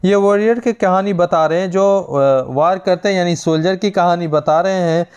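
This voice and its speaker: A young male teacher explaining a poem in a classroom lecture, reading English lines slowly and explaining faster in Hindi. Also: sits high, darkish tone, clean tone. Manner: slow, deliberate dictation of English lines, quicker Hindi explanation.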